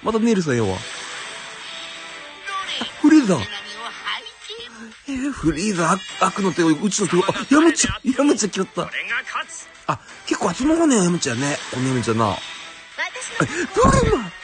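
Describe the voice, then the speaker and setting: A gaming YouTuber with a broad Kansai Japanese accent excitedly chatters through his game pulls, his voice leaping wildly between low mutters and high yelps. He exclaims and muses aloud loosely and casually at a moderate pace with long pauses, while game music plays clearly underneath.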